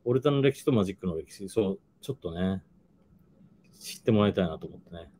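A man's voice: sits low, expressive, fairly quick, warm tone, a little hiss or hum. A man hosting a casual chat with a guest, polite and affable. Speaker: host magician.

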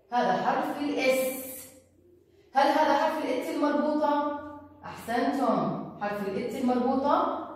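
Brief: Levantine woman kindergarten teacher, high bright voice, stretches out words, far from mic in a very echoey room. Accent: Levantine Arabic. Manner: slow drawn-out spelling and repeating of words, coaxing questions. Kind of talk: recorded classroom lesson for young children.

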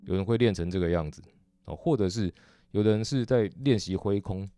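Low, mellow Taiwanese-accented man teaching drums. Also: a little fast, no echo, clean studio sound, soft background music. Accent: Taiwanese Mandarin. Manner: patient, methodical, frequent "哦" fillers. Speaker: drum teacher. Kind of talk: instructional explanation.

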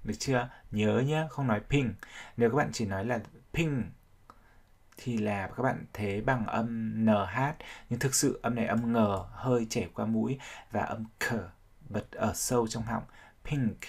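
Gravelly low-voiced male teacher. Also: steady tone, normal speed. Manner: explains sounds step by step, repeating words to drill them. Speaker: English teacher. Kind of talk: vocabulary pronunciation lesson.

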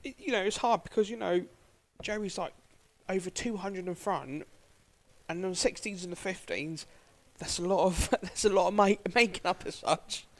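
Male guest sports commentator, English accent, slightly high voice, chatty and repetitive, casual banter. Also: moderate pace, a bit bright. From England.

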